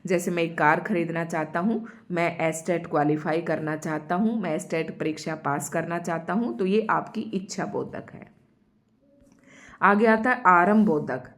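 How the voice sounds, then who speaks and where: A woman teaching a Hindi grammar lesson to her students online. She explains each term step by step and repeats her example sentences slowly, speaking straight to the learners. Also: on the low side, fairly even intonation. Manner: addresses students directly.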